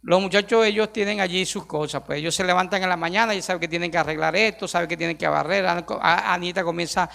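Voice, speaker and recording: A man's voice: high voice, steady tone, fast, gravelly, few pauses, a bit bright. A middle-aged man preaching a sermon in a church, emphatic and full of rhetorical questions to the congregation. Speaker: pastor. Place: church sanctuary. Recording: long hall reverb.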